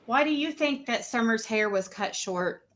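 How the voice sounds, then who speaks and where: A woman's voice: a little high, animated, moderate pace, a bit bright. A woman hosting a casual livestream panel, asking questions in an informal, rambling way. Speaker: panel host. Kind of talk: casual true crime livestream chat.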